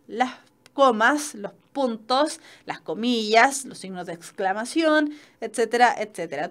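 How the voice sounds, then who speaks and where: A woman teacher with a Chilean accent delivers an online lesson in a slightly high voice. She explains patiently and keeps checking that students follow. Her pacing is unhurried and instructive. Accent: Chilean Spanish. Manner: explanatory, frequent "¿cierto?" checks. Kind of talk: online class lecture.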